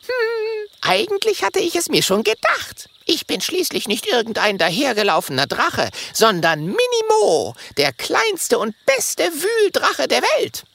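A man's voice: high-pitched, wildly swooping pitch, normal speed, creaky, sharp tone, pitched above the performer's own voice, heavily acted. A man voicing a tiny, boastful and jittery male burrowing dragon in a children's audiobook, stammering and self-important. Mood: proud.

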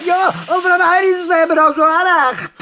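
A man playing a cheerful, excitable male parrot hero with a Swiss German accent, theatrical and playful in a children's audio drama. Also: extremely high pitch, normal speed, noisy background. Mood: comic distress.

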